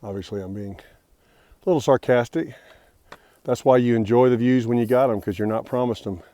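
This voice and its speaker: A man vlogs casually about his trail days while hiking outdoors on a mountain path. His medium-pitched, dark-toned voice moves at a moderate pace, friendly and rambling, full of fillers and restarts.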